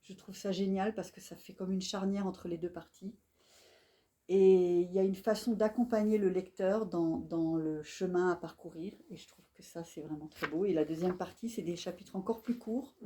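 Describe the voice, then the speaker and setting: A mellow, lowish female voice with fairly even intonation, speaking at a moderate pace. She hosts a live author event in a bookshop, introducing a novel with enthusiastic, admiring remarks.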